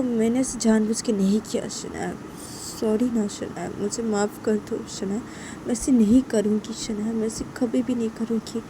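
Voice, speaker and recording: A woman's voice: on the high side, noisy background, voice pushed up, natural voice. A woman voicing a remorseful young woman who keeps pleading for forgiveness. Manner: pleading, repeating the other's name.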